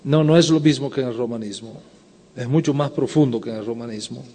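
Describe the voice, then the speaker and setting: Speaking fairly quickly in a warm, medium-pitched voice, this rabbi explains things step by step during a conference lecture and Q&A, frequently checking in with "ok?". The setting is a lecture hall, and the audio has a long reverb from the room.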